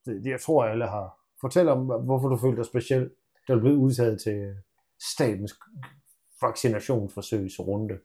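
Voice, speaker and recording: A man's voice: mid-range voice, warm tone. A man, co-hosting a podcast in casual banter and telling joking stories. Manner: joking, teasing, playful storytelling. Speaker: podcast co-host.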